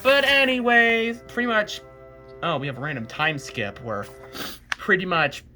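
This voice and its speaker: A man giving rambling, self-mocking commentary as he reads the comics he made as a kid, with excited outbursts and asides. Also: high voice, measured pace, music in the background. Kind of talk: comedic commentary reading his old comics.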